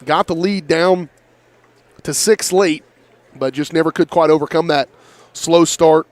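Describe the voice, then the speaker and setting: A Midwestern man hosting a postgame sports wrap-up, running through scores and stats as his voice goes hoarse. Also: a little high, no echo. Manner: brisk, rattles off scores and stats. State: voice going hoarse. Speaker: play-by-play announcer.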